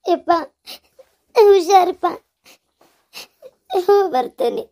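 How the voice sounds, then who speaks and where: A woman doing a high, caring cartoon child. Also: lively intonation, extremely slow, heavily acted. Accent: North Karnataka Kannada. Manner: gentle, caring advice. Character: caring grown child leaving home.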